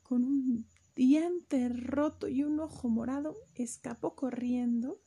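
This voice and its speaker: A woman telling a children's story to a child, animated and full of sound effects. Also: sits high, slow pace, husky.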